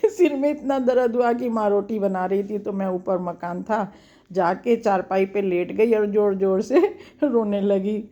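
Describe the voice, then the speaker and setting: A woman's voice: mid-range voice, a little slow, dark tone. A middle-aged woman telling a personal memory in a homely, reflective, chatty way. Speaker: storyteller. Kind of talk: personal storytelling. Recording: dull lo-fi recording.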